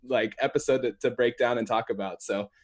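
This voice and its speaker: A man hosting a casual podcast, talking in a halting, rambling way and often correcting himself. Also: medium pitch, steady tone. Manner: halting, rambling, laid-back phrasing full of hedges and self-corrections. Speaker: podcast host.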